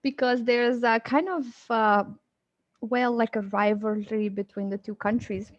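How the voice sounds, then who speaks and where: A woman in her thirties from Romania talks through a casual presentation over a video call. Her delivery is chatty and loose, full of fillers and quick laughs. The audio is dull and dry, with no room sound. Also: on the high side, fairly even intonation, no echo. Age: 30s. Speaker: guest speaker.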